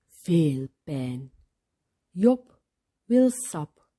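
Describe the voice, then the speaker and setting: Slow, breathy woman reading to children. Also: sits low. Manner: very slow, expressive, drops to whispers. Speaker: storyteller. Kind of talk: children's story read aloud.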